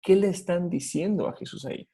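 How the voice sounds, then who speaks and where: A man with a Guatemalan Spanish accent preaches a Bible study sermon. His voice sits a little high and sounds mellow and husky. He talks earnestly and keeps putting questions to his listeners. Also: a little fast.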